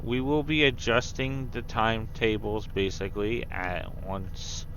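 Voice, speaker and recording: A man's voice: on the low side, steady tone, a little slow, crowd noise. A man chatting during an online train game, patiently explaining the track layout and what each train is used for. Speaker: fellow player. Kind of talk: casual gameplay chat.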